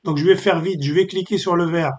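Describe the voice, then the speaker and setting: A man presenting a screen-recorded software tutorial, explaining step by step with frequent filler pauses. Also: high-pitched, fairly even intonation, muffled recording. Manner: hesitant, many filler pauses.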